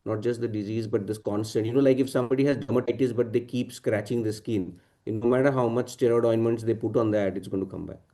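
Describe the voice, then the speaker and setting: A man, a senior doctor, giving informal explanatory advice on a panel in a halting, thinking-aloud way. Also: medium pitch, steady tone, mellow.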